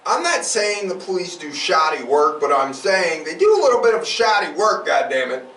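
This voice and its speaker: A man hosts a true-crime podcast, walking through cases casually and offering strong, opinionated remarks. He has a high, bright voice that swings widely in pitch, delivered forcefully at a moderate pace. The mic sounds distant in a roomy space, with faint background noise.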